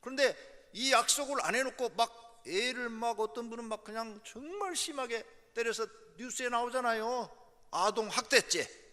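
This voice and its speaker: A man's voice: very high-pitched, bright, forceful tone. A male pastor preaching a sermon, emphatic, driving points home by repeating key words. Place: church sanctuary. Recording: echoey church hall.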